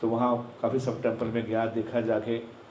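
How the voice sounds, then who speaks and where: A man's voice: mid-range voice, normal speed, reverberant, slight background noise, low-quality recording. A man telling a devotional story as a sermon, acting out the characters and slipping English phrases into his talk. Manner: animated storyteller who acts out characters and mixes in English phrases.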